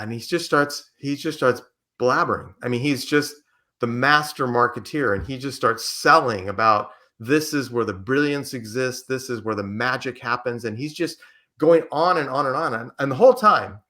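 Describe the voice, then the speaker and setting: An older American man with a bright, forceful voice recounts his career as a podcast guest. He tells anecdotes with energy, slipping into quoted dialogue. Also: mid-range voice, normal speed. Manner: lively anecdotes with acted quotes. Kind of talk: storytelling interview answer.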